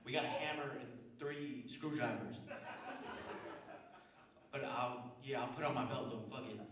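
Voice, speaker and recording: A man's voice: medium pitch, unhurried, very noisy. A young man doing a stand-up comedy set on a theater stage, talking loosely and profanely with lots of fillers and slang. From Mexican heritage. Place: small theater stage with live audience. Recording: roomy theater sound from a distant mic, crowd audible.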